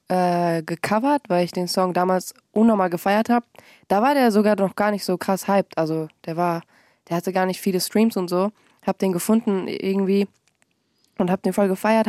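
A young woman, a musician, chatting casually in an interview, animated and quick to laugh, acting out quotes in a higher voice. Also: no room sound, studio quality. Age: young adult. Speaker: musician guest.

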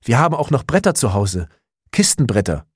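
A man voicing a small boy in war ruins, speaking quietly and tiredly, read from an audiobook. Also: medium pitch, very animated, a little fast, breathy edge, dry recording, clean studio sound. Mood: eager. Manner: quiet, hushed.

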